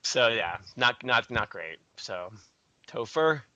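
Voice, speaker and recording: A man co-hosting a casual gaming podcast, excitable and gushing, laughing often. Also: mid-range voice, takes it slowly, no echo, highs cut off. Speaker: podcast co-host.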